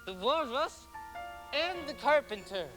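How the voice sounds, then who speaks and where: Casting: pompously silly boyish twin in fantasy drama, very high voice, unhurried and singsong. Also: male voice, big pitch swings, music in the background, exaggerated voice. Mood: reciting. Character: contrary, childish storybook twin, pompously silly. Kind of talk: stage-like fantasy drama acting.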